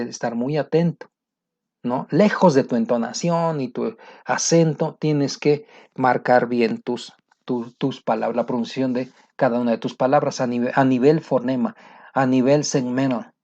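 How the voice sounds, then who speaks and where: A man's voice: mid-range voice, fairly even intonation, measured pace, warm tone. A man gives a casual spoken lesson as an English teacher, hesitating often with fillers and restarts. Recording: dull lo-fi sound.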